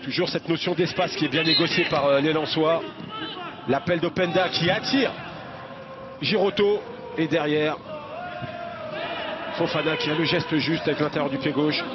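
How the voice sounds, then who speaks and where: A man with a slightly high voice analyses the play as a football co-commentator. His sound is a little dull and lo-fi, with a clear stadium crowd behind him. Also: moderate pace, pauses often. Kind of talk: analytical live sports commentary. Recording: dull lo-fi broadcast with crowd noise.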